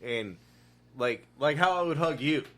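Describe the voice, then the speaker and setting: A man's voice: a little high, expressive, unhurried, pushed and bright. A man in casual chat who talks like a frat bro, slangy and full of swearing. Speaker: reality show contestant.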